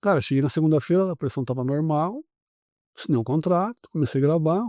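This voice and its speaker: Animated Brazilian man telling a story. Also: on the high side, quick pace, dry recording, studio quality. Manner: animated, acts out other people's lines in the story. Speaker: podcast guest. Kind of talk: casual storytelling.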